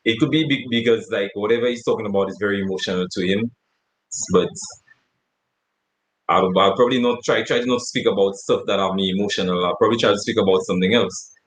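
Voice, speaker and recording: A man's voice: on the low side, steady tone, fast talker, rough recording. A man co-hosting a casual chat show, rambling and laughing often as he talks. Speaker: co-host.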